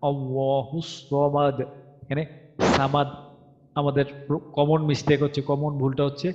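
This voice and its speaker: A male recitation teacher talks through the rules with patience. He slows down to chant each verse as a model. His voice comes through a dull, muffled line and trails off with a long echo. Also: a little high, monotone, a little mellow. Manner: explains patiently, chants verses slowly to demonstrate. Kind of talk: online tajweed lesson. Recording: dull audio with long reverb.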